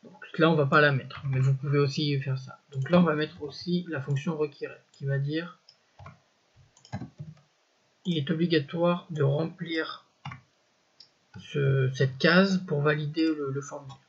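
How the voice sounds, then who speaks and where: A man talks through a coding tutorial in a relaxed, halting way, correcting himself as he goes and dropping quick interjections between steps. His voice is somewhat husky. The recording sounds a little dull and lo-fi. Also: on the high side. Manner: thinks aloud, peppered with "voilà" and "hop"; self-correcting, halting phrasing. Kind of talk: casual screen-recorded coding walkthrough.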